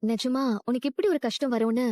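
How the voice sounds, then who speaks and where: A woman playing a proud young working-class woman with a gentle, measured way of speaking in a dubbed drama. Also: high-pitched, steady tone, no room sound, studio quality, lightly acted. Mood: sympathetic. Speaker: woman who left her husband and now runs food stalls.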